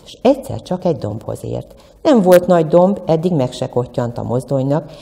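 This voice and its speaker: Woman telling a children's tale, lilting and low. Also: creaky, in a large hall. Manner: expressive, lilting storyteller. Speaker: museum educator. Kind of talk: storytelling for children. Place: museum room.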